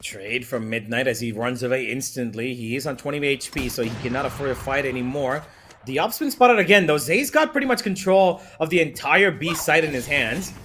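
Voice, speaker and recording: A man working as an esports caster, giving live play-by-play on a shooter match in an excitable, urgent manner. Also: medium pitch, fairly quick, few pauses, slight background noise. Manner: excitable, rising urgency in action.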